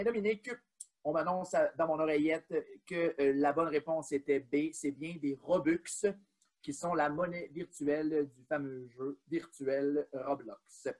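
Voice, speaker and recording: A man's voice: on the high side, slight background noise. A man, co-hosting a quiz, counting down and chatting with frequent fillers. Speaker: quiz co-host.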